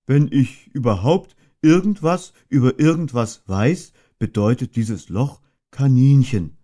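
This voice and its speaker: A man voicing a simple, good-natured, honey-loving male bear in a storybook reading, with a slow, hummy, deliberate way of talking. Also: medium pitch, dark tone, voice pushed up, close to an everyday voice. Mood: cheerful, slow. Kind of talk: audiobook character voice.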